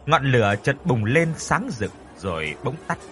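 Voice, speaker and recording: A man narrating a horror story in a dramatic, expressive way. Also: medium pitch, measured pace, a little hiss or hum.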